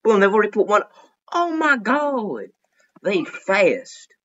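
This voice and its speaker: Playing an online game, a young man who runs a gaming YouTube channel keeps up casual, excitable chatter, fretting and pleading out loud. His bright, sharp voice sits high and moves at a slow pace. A cheap desktop mic seems to give the recording its dull, lo-fi sound.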